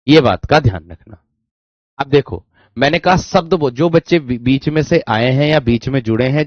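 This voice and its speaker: Teacher repeating slowly, lo-fi. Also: male voice, medium pitch, dry recording. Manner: repetitive, dictates slowly, keeps asking if it's clear. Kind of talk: online exam-prep class. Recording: dry, dull lo-fi sound.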